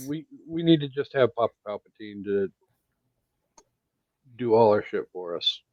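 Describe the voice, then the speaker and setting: A man's voice: on the low side, animated, dry recording, lo-fi sound. A man co-hosting a casual movie chat with dry, teasing remarks. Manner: dry, teasing, slow-spoken. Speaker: podcast co-host.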